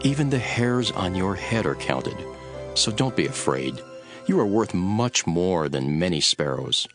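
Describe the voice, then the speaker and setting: A deep-voiced man plays a grave, authoritative teacher instructing his followers in a dramatised scripture reading. His delivery is measured and solemn, with big pitch swings, and he speaks over music.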